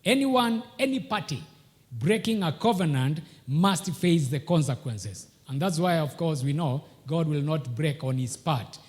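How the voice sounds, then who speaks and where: A man's voice: a little high, animated, unhurried, a little mellow, long reverb tail. A man, a pastor preaching a sermon at a live church service. He speaks emphatically and asks rhetorical questions, then answers them himself.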